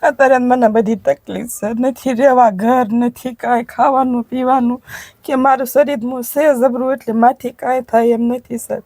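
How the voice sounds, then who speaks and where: High-pitched woman, crying and pleading, husky mellow voice, dry sound. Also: steady tone, dry recording. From Gujarat. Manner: pleading, halting. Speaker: interviewee, widowed mother. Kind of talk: emotional testimony.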